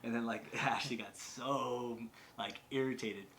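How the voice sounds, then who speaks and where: A man's voice: medium pitch, steady tone, normal speed, fairly bright tone, slight background noise. A man hosting a podcast in casual chat, rambling and swearing, with lots of filler words. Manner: rambling, profane, full of "like". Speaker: podcast host.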